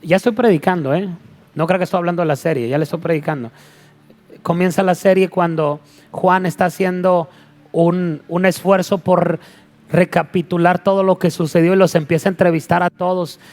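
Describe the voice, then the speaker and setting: A man preaching a sermon, retelling stories with animated joking asides. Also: high-pitched, normal speed. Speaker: apostle and pastor.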